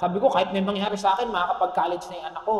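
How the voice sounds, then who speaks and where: A man's voice: high-pitched, racing. Man, pastor, middle-aged, sermon, keeps asking the congregation for an amen, roomy church sound. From Philippines. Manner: animated preaching, often asks the congregation "Amen?". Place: church worship hall. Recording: echoey church hall with long reverb.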